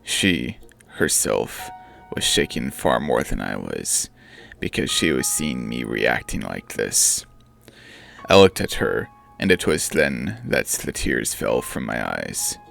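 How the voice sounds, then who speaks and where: A man's voice: a bass voice, sing-song, takes it slowly, creaky, fairly bright tone. A man narrating his own first-person story as an audiobook, in a subdued, mournful reading. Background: faint guitar music.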